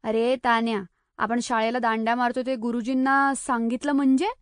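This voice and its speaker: A woman's voice: on the high side, little pitch movement, normal speed, clear, resonant tone, dry recording, studio quality, close to an everyday voice. Woman playing a bossy, motherly schoolgirl. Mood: scolding. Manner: scolding, motherly tone. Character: sensible, commanding young schoolgirl.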